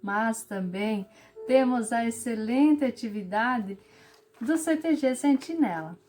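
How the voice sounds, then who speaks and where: A woman teacher, explaining a lesson patiently and clearly to children and acting out example sentences with lively intonation. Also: on the high side, slow, soft background music. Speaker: special education teacher.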